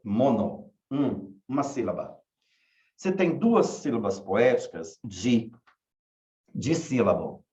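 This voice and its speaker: A man teaching a class, asking questions slowly and repeating key words. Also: mid-range voice, very animated, a little mellow. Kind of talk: online class lecture. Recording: echoey room, dull lo-fi sound.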